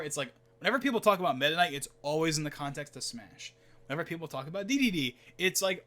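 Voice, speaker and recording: Bright, rambling young man on podcast. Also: on the high side. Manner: rambling, filler-heavy, laughs often. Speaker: podcast host. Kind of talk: casual solo gaming podcast talk.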